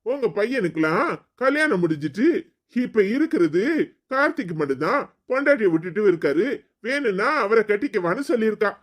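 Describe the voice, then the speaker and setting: A proud, hot-tempered husband in a cartoon story, played by a man. His voice sits high for a man, and he scolds and threatens his in-law with angry force. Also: sing-song, fairly quick. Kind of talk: cartoon voice acting.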